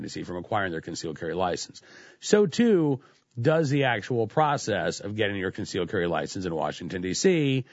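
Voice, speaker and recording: A man's voice: lowish voice, creaky, dry recording, lo-fi sound. A man hosting political talk radio, commenting in a sarcastic, conversational way with frequent restarts. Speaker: radio talk show host.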